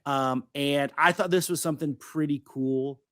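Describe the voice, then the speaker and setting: A man co-hosting a casual podcast, rambling with many fillers and restarts. His voice sits a touch high, and the sound is close and dry. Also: steady tone, moderate pace, fairly bright tone, dry recording. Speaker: podcast co-host. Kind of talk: casual chat.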